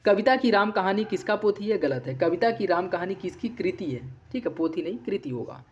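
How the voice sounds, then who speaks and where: A teacher giving an exam-prep grammar lesson, running quickly through corrections in a set drilling pattern. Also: medium pitch, expressive, a little hiss or hum. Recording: dull lo-fi recording.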